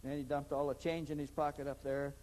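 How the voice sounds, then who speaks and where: A man's voice: fairly high pitch, flat delivery, a little fast, darkish tone, poor audio. An older man telling a long story in a conversational interview, rambling with many restarts. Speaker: interview guest.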